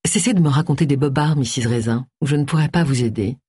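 Husky, blunt woman therapist, calm and cutting, as an audiobook narrator puts her on. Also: mid-range voice, quick pace, dry recording, clean studio sound, lightly acted. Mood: cool. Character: cool, blunt female psychotherapist with a husky voice. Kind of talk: audiobook character voice.

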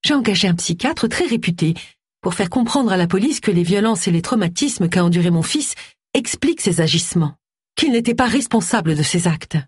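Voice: mid-range voice, animated, fairly quick, slightly rough, dry recording, clean studio sound, voice pushed up. A reader voicing a smug, sugary woman, honeyed and haughty. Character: smug, sugary older woman, easily offended. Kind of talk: audiobook character voice.

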